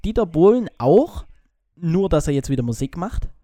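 Chatty guy reading news on a podcast, kinda high mellow voice, keeps tripping over words. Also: big pitch swings, normal speed, no echo, studio quality. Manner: chatty, jumps between topics, stumbles and restarts. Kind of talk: casual chat.

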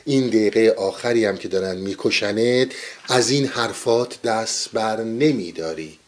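A man's voice: lowish voice, a little hiss or hum, natural voice. A man voicing a blunt, scolding wife. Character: scolding, impatient wife of a philosopher.

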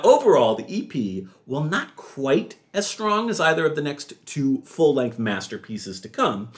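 A man hosting a music podcast, talking with theatrical enthusiasm and jumping into high excited yelps. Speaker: podcast host.

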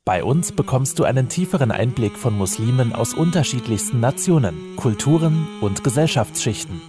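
A man's voice: mid-range voice, expressive, normal speed. A man reading a scripted podcast introduction. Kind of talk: scripted intro over music. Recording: voice over clear music bed.

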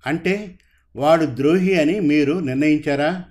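A man's voice: fairly high pitch, unhurried, darkish tone, natural voice. A man voicing an anxious, tearful mother who questions her husband in a told story. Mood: pleading. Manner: pleading, questioning.

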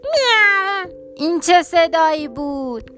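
A woman's voice: high voice, expressive, faint music behind. A woman doing a meowing greedy tomcat. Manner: drawn-out meowing, slow and loud. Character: hungry gullible male cat. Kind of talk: children's storybook reading.

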